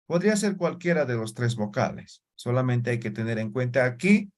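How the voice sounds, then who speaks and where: A man teaching a language class, talking slowly, checking in with his students and sounding out syllables one by one. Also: mid-range voice, very animated. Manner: slow, checks in with "¿no ve?" and "¿ya?". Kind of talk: classroom lesson.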